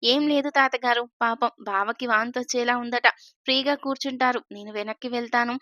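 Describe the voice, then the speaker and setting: A woman's voice: a little high, steady tone, fairly quick, sharp tone, no echo, clean studio sound. Woman voicing a coy, mischievous young woman.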